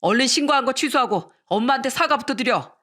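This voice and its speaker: A woman's voice: sits high, animated, bright, forceful tone, voice pushed up, exaggerated voice. A woman voicing a defensive young husband who talks down to his wife, in a radio story reading. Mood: dismissive. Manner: dismissive, slow.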